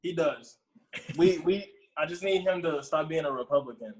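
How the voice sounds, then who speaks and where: A young man talking casually as a podcast guest, relaxed and rambling with lots of filler words. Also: a little high, normal speed, low-quality recording. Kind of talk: casual chat.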